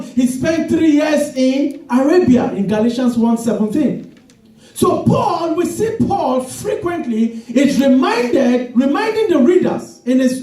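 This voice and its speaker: High-voiced preacher in an echoing hall. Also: male voice. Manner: preaching with sudden shouted emphasis and drawn-out phrases. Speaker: pastor. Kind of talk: sermon. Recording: echoey room from a distance.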